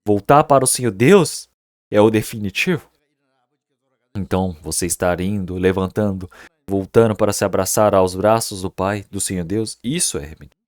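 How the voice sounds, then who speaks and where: The recording is clean studio sound with no room sound: a male pastor with a fairly low voice preaches a Sunday sermon at a moderate pace. His delivery is earnest and emphatic, with repeated words and frequent rhetorical questions to the congregation.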